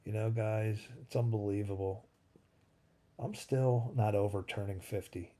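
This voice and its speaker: This man, in his fifties, hosts a live stream where he answers comments from the chat in a casual, rambling way, thinking out loud. His voice is on the low side and warm, with fairly even intonation and an unhurried pace.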